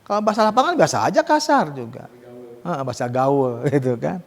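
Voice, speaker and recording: A man teaching Quran recitation rules to students, explaining casually and modelling slow, drawn-out recitation. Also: on the high side, big pitch swings, vocal fry, long reverb tail. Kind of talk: tajwid lesson with students.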